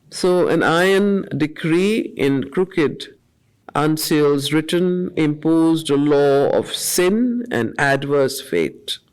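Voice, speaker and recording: A woman leading a study circle reads poetry slowly and deliberately, pausing between short phrases and explaining the lines as she goes. Her voice is deep and a little mellow.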